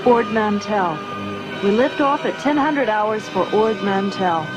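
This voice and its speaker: An actress playing a composed, commanding rebel princess who leads a mission. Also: female voice, medium pitch, expressive, slow pace. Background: music.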